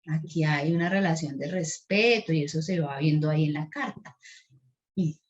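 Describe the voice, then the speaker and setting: A Colombian woman teaching a teacher-training workshop, retelling a classroom example in a lively way and acting out the voices of the children and the teacher. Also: sits low, moderate pace, muffled recording. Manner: animated, acts out the children and teacher in quotes.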